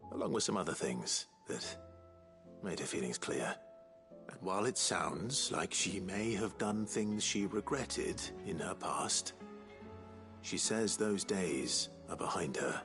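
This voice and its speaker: A deep calm mentor type, formal n patient, expressive delivery, fantasy drama w music behind. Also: male voice. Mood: measured, concerned. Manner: measured, gently instructive, formal. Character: calm, courteous man, patient guardian and mentor to youngsters. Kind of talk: scripted fantasy drama acting.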